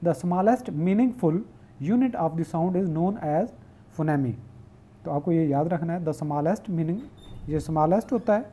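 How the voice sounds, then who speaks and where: A male teacher giving an online lecture. He reads English definitions slowly, explains them at length, and asks questions he answers himself. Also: on the high side, dark tone, a little hiss or hum.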